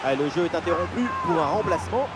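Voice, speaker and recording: An actor playing an excitable football match commentator in a video game, giving excited sports commentary. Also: male voice, a little high, fast, close to an everyday voice. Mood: focused. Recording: loud stadium crowd noise behind. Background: stadium crowd.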